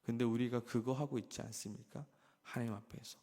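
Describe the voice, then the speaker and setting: A man preaching a sermon with passion, asking his listeners question after question and swinging from loud emphatic peaks to hushed low passages. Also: steady tone, fairly quick, in a large hall. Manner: rhetorical questions to the congregation. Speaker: pastor.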